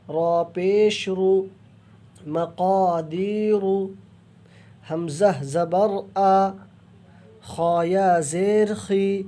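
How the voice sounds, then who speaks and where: High, mellow-voiced male reading teacher. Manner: spells syllables one by one, then draws out model words slowly; rapid explanations between drawn-out examples. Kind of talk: spelling-out recitation lesson.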